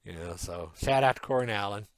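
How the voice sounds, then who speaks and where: A man's voice: lowish voice, a little fast, no room sound. Dry-sounding American male podcast co-host. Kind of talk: casual chat.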